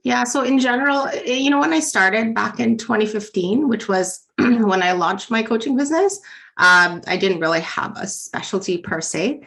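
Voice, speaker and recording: A Filipina business leadership coach in her thirties, appearing as a guest, answers interview questions in a friendly, casual way packed with fillers. Her voice sits a little high and a bit bright, with vocal fry, at a normal speed.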